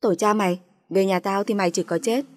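A woman's voice: medium pitch, fairly quick, no echo, studio quality, lightly acted. A woman voicing a furious, foul-mouthed middle-aged sister-in-law who hurls insults in a harsh, raised voice.

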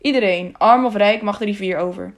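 A woman's voice: mid-range voice, fairly quick, close to an everyday voice. A woman voicing a stern middle-aged toll guard who lectures in an officious, indignant manner.

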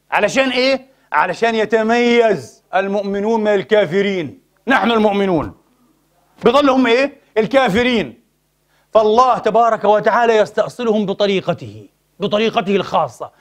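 Male preacher, high voice, rapid delivery, impassioned, rhetorical questions. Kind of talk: sermon.

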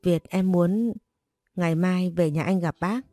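A woman voicing a calm, resolute young woman who speaks quietly and with determination. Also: lowish voice, measured pace, dry recording, clean studio sound, faint music behind, natural voice. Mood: determined.

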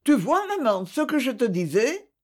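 Petulant proud young woman, spiteful, voice jumps up high, as a reader puts her on. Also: very animated, takes it slowly. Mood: triumphant. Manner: petulant, triumphant.

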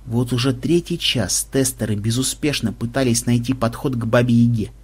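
A man reading a humorous story aloud as the narrator, in a lively, wry storytelling manner. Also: medium pitch, moderate pace, breathy edge. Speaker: audiobook narrator. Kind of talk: scripted narration.

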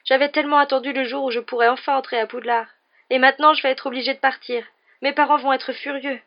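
Woman reader doing a high, sobbing scared young girl, pleading and breathless, muffled lo-fi sound. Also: steady tone, quick pace, lightly acted. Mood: lamenting.

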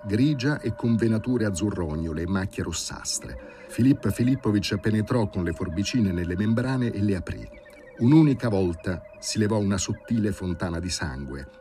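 A man with a very low voice reads a novel aloud, measured and vivid. His narration is steady and dramatic. Faint music sits quietly underneath. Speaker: audiobook reader. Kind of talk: dramatic literary reading.

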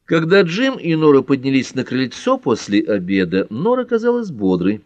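A man reading an audiobook in a measured, even narration. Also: medium pitch, no room sound. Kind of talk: scripted narration. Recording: dull dry lo-fi audiobook.

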